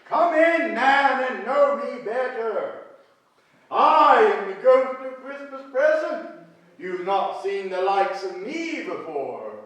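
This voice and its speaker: Man as grand jovial ghost, theatrical, unhurried, declamatory, distant echoing hall. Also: very high voice, big pitch swings, fairly bright tone, exaggerated voice. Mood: hearty, booming. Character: grand, hearty male Ghost of Christmas Present. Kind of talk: live reader's theatre stage acting. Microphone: far camera. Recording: echoey hall from far off.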